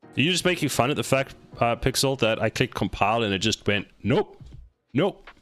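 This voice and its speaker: A man's voice: mid-range voice, expressive, quick pace, a bit bright, faint music behind. A man streaming game development, chatting casually and playfully scolding his code as if it were alive. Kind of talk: casual live-stream chat while coding.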